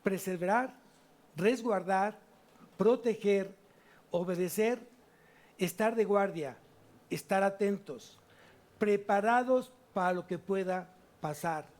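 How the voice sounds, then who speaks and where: A man preaching a sermon in church, animated, asking the congregation rhetorical questions and answering them himself. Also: sits high, takes it slowly, long pauses. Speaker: pastor.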